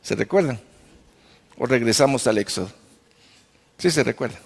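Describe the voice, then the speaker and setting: A male pastor preaching in a church, lively and conversational, joking with the congregation. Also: mid-range voice, normal speed, vocal fry, slightly rough. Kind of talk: sermon teaching. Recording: reverberant church hall.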